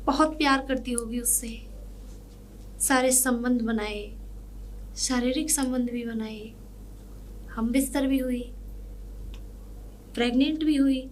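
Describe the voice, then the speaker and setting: A woman playing a sharp-tongued elder sister-in-law who taunts and scolds in a family drama. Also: very high-pitched, a little hiss or hum, heavily acted. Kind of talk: hobby family drama acting.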